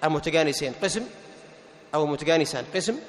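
Guy teaching quran recitation rules, kinda high voice, asks the class then answers himself, big echoey hall. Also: lively intonation. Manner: asks the class questions and answers them himself, repeats key terms; recites verses slowly and melodically. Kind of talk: explaining tajweed rules in class. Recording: long hall reverb.

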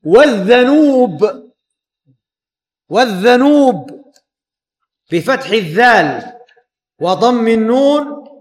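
A man giving an Islamic lesson explaining a hadith, repeating key words and pausing to quiz his students. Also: very high-pitched, fairly bright tone. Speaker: hadith teacher.

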